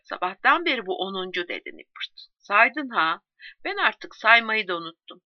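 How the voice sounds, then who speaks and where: A woman's voice: medium pitch, big pitch swings, normal speed, no room sound, lo-fi sound, natural voice. A woman voicing a tired, doubtful male soldier who grumbles in an audiobook. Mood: weary.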